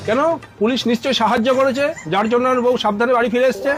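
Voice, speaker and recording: A man's voice: very high voice, fairly even intonation, rapid-fire, over music. A man playing a cocky, dismissive fellow who mocks a drunk in a comedy skit. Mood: confident.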